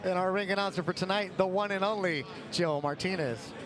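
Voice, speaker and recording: High-voiced male boxing play-by-play commentator. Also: a little fast, over music. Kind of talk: live sports commentary. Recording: loud venue noise behind commentary. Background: noisy fight venue.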